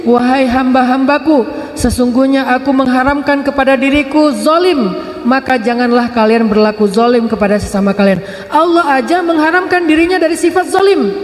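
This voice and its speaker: A man's voice: extremely high pitch, echoey room, long reverb tail. A man giving a sermon, telling stories with acted dialogue in a casual, playful way. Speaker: preacher.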